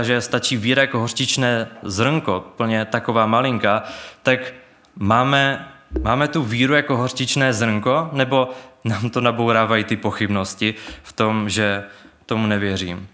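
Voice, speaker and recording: A man's voice: mid-range voice, pushed and bright. A man preaching a sermon in an earnest, searching way, with many restarts and fillers, and reading Bible verses aloud.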